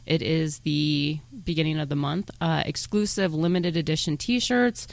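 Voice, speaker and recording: A woman's voice: sits low, unhurried, creaky, dry recording. A woman co-hosting a podcast, chatting casually and running through the show plugs in a brash, joking way. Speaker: podcast co-host.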